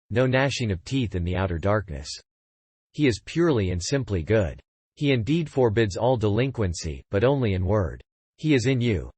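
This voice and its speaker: A man with a somewhat low, husky voice reads a scripted text aloud. His delivery is measured and declamatory, leaning into rhetorical questions and exclamations. The sound is close and dry, with no room around it. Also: a little mellow, no echo. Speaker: reader. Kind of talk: scripted reading.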